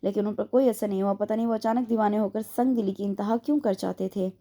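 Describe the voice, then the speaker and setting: Woman reading a romance novel, steady even telling, warm mellow tone. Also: medium pitch, fast talker. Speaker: audiobook narrator.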